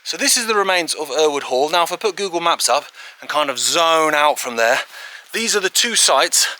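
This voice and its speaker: Breathless chatty man on a bright outdoor walk. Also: a little high, expressive, normal speed, no room sound, rough recording. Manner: chatty, enthusiastic, explains as he walks. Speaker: walking vlog host. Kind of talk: outdoor walking vlog. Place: outdoors in a wooded valley by a river.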